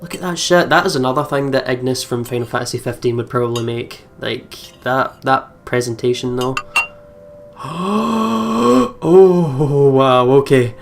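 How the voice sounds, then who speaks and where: With a very deep, unhurried voice, a let's-play host reads the game's narration in a dramatic, expressive voiceover, adding candid, profane asides. Game music runs underneath, along with slight background noise.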